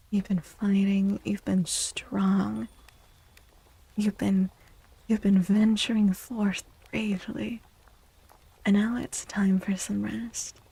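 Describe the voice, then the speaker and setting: A woman with a soft, breathy, medium-pitched voice that often slips to a whisper runs a live ASMR tarot reading. She soothes with gentle, unhurried reassurance, and there is no room sound.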